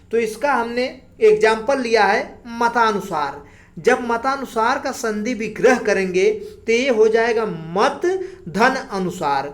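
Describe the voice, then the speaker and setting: A woman teacher explaining grammar slowly for exam preparation, drawing out single sounds as she goes. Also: medium pitch. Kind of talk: exam-prep grammar lesson.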